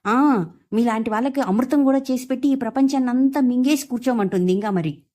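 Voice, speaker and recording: A woman's voice: fairly high pitch, fairly quick, pitched above the performer's own voice, natural voice. Woman doing a furious young husband. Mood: angry. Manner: scolding, shouting. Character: angry young husband defending his wife.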